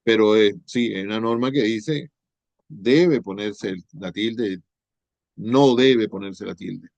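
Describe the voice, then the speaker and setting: A man's voice: fairly low pitch, slow, gravelly, a little mellow, no echo. A middle-aged man giving a university lecture on spelling, explaining step by step and checking in with rhetorical questions. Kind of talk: class lecture on spelling rules.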